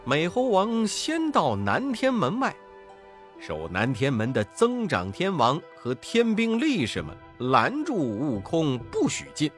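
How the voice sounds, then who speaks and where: A man narrating a classic children's story in an expressive, sing-song way. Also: on the high side, takes it slowly, soft background music.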